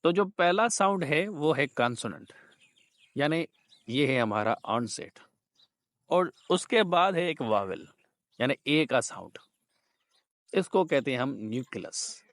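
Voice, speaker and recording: A man teaching linguistics in a slow, deliberate lecture, mixing Hindi and English. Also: medium pitch, big pitch swings, a bit bright, no room sound, studio quality. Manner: slow, deliberate explaining, words drawn out.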